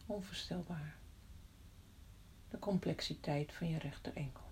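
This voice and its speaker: A woman guiding a body-scan meditation in a soft, often whispered voice, slow and calm with long pauses. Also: low voice. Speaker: meditation guide.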